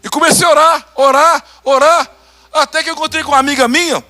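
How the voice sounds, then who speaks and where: A Brazilian pastor with a Brazilian Portuguese accent preaches a testimony sermon, animatedly acting out conversations and laughing as he tells the story. His voice is extremely high-pitched and racing.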